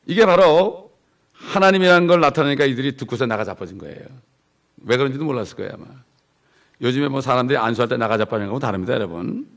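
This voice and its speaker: A man's voice: medium pitch, animated, quick pace. A middle-aged man preaching a sermon as pastor, emphatic and repeating key phrases in English.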